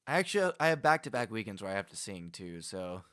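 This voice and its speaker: Talking fast and very animated, a man with a lowish, slightly bright voice livestreams a game and rambles to his audience, laughing, restarting often and naming viewers. No room sound is audible.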